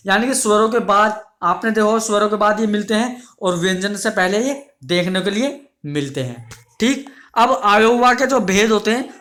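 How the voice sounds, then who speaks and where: A man's voice: sits high, fairly bright tone. A man teaching an exam-prep grammar lesson, asking questions and then answering them himself, repeating each definition and calling his students his dear children. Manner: repetitive, drills each definition slowly.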